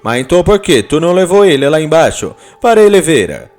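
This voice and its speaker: A man voicing a jealous, hot-tempered Italian husband with an Italian accent, fast and scolding. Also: medium pitch, very animated, faint music behind, lightly acted. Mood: angry.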